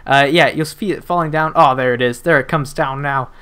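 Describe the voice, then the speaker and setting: A man's voice: fairly high pitch, brisk, bright, forceful tone, smooth. A young man, talking casually over his gameplay footage as a gaming YouTuber, rambling with plenty of fillers and joking asides. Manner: rambling and chatty, with frequent fillers and restarts and playful asides.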